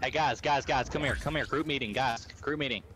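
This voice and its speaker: A man's voice: medium pitch, brisk, bright, forceful tone, slight background noise. A man gaming with friends, giggly and teasing, rounding up the group in voice chat. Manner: giggly, teasing, takes the lead. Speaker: gamer in voice chat. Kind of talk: casual gaming banter.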